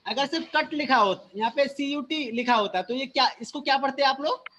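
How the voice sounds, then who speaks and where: A man's voice: very high voice, brisk, sharp tone. A male school teacher giving an online phonics lesson, mixing Hindi and English, patiently repeating and quizzing his students.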